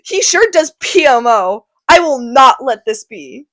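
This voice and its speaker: A woman's voice: sits high, animated, takes it slowly, fairly bright tone, dry recording, full character voice. A teenage girl voicing a hotheaded teenage boy cousin, indignant and slangy, in a school drama project. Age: teens.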